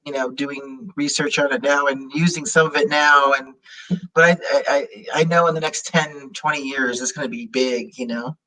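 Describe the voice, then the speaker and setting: A non-native English-speaking man, a sound healer, talking in a halting way with many restarts while he searches for words. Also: mid-range voice, steady tone, pushed and bright, poor audio. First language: not English. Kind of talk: casual interview chat.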